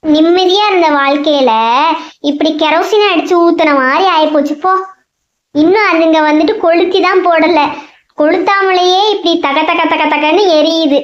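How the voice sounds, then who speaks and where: Someone doing a whiny cartoon monster guy, tamil accent, high voice, roomy dull lo-fi sound. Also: moderate pace. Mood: grumbling. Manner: whiny, complaining rant. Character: fretful male monster, grumbling and put-upon. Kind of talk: cartoon voice acting.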